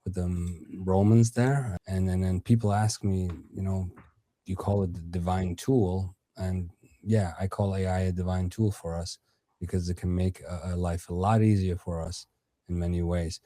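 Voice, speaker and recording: Deep, dark-voiced man, halting speech. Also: steady tone, no echo. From Iran. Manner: halting, many fillers and restarts. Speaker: dentist and conference founder. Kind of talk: podcast interview answers.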